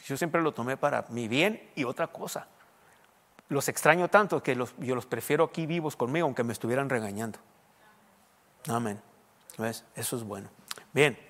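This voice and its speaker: High-voiced pastor preaching in a hall. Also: male voice, fairly bright tone. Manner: conversational preaching, rising to emphatic questions. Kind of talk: sermon. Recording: long hall reverb.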